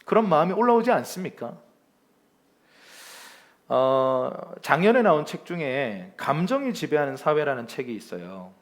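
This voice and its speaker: Male pastor, Sunday sermon, fairly high voice, very lively pitch, chuckles often, talks to a congregation in church. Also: normal speed. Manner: lively, conversational preaching that acts out complaints; chuckles often while speaking.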